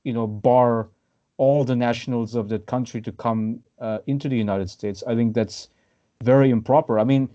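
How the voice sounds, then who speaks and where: A man from Austria in his thirties hosting a podcast, discussing politics casually over a video call and pausing often with fillers and restarts. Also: mid-range voice, warm tone. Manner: hesitant, many fillers and restarts. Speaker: podcast host. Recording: dull lo-fi video call audio.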